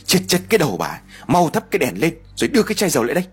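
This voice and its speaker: A man voicing a gruff old village father who barks orders at his wife. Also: medium pitch, very animated, very fast, voice pushed up. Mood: impatient. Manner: brusque, barking orders.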